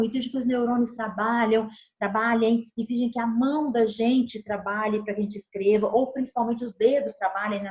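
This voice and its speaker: A woman's voice: fairly high pitch, echoey room, poor audio. A woman teacher, giving a recorded video lesson and gesturing as she explains. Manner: animated, gestures while explaining; acts out tones of voice as examples. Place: room, recording alone.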